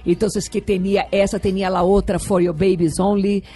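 A middle-aged woman from Brazil with a Brazilian Portuguese accent, talking as a sexologist guest in a lively, rambling way, often laughing. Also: mid-range voice, normal speed, breathy edge. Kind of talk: casual interview chat.

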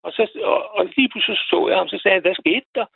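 A man calling in to a radio show, telling a personal story in a halting way, repeating words as he goes. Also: high-pitched, fairly even intonation, creaky, breathy edge, no room sound. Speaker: radio caller. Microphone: telephone. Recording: tinny phone line, dry.

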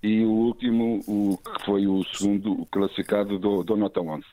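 A man with a European Portuguese accent making casual, halting remarks as a juror. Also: lowish voice, little pitch movement, mellow, no echo, rough recording. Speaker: contest juror.

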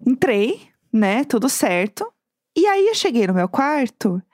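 A Brazilian woman with a bright, high voice and a Brazilian Portuguese accent. She tells a story in a lively, casual way and laughs often. The sound is dry and close, with no room echo, as on a video call. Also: unhurried. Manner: animated, laughs often while telling a story. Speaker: podcast co-host.

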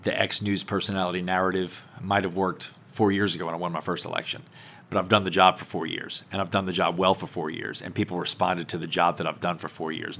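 A man's voice: low-pitched, a bit bright, slight background noise. A man, a parish councilman answering interview questions in a confident, plainspoken way. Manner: confident, plainspoken, laughs easily.

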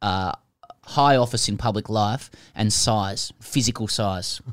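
A man's voice: lowish voice, measured pace, smooth, no echo, clean studio sound. A man co-hosting a podcast, bantering in mock-earnest, profane chat and reading out listener mail. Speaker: podcast co-host.

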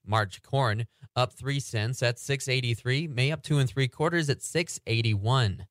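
A man anchoring a radio farm report, reading agricultural news and market prices in a steady newsreader delivery. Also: medium pitch, measured pace, no room sound, clean studio sound.

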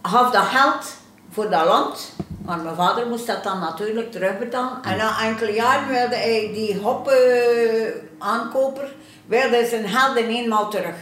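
A woman's voice: a little high, measured pace, a bit bright. A woman in her seventies with a broad West Flemish dialect accent, chatting plainly in an interview. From West Flanders, Belgium. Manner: plain-spoken, dialect phrasing. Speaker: interviewee, restaurant owner. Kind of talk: casual conversation. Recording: roomy, noisy on-location recording.

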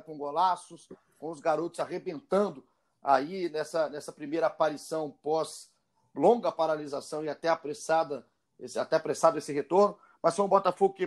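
A man with a Brazilian accent hosting a casual football show in a chatty, informal, emphatic way. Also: fairly high pitch. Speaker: sports podcast host.

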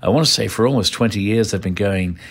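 A man with an English accent and a very low voice talks through his picks at an easy pace, stopping often for filler uhs. He sounds loose and unscripted. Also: fast, slightly rough. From England. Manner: rambling, many filler uhs. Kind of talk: casual recommendations list.

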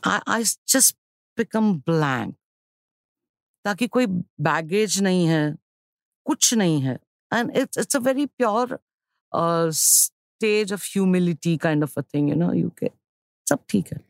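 A woman with an Indian accent answering reflectively in an interview, explaining in short phrases with pauses and repetitions and switching between Hindi and English. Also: on the low side, lively intonation, no echo, studio quality. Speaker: interview guest, stage and screen actor-director.

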